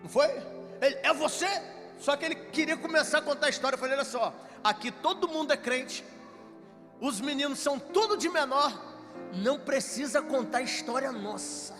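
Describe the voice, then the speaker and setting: A Brazilian man, a pastor, telling jokey stories in a sermon that builds to shouted preaching in a church. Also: extremely high pitch, animated, brisk. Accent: Brazilian Portuguese. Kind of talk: sermon with storytelling. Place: church hall. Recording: reverberant church hall with music.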